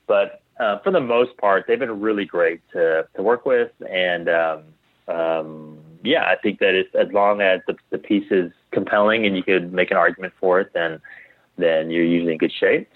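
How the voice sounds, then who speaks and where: At a moderate pace and a low pitch, a clothing company founder gives relaxed interview answers, musing aloud and often repeating himself. The recording is dry and has a phone-quality sound.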